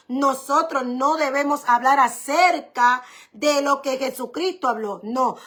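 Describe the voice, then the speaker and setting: A woman's voice: high-pitched, fairly bright tone. A woman pastor preaching a sermon, repeating key phrases and asking rhetorical questions.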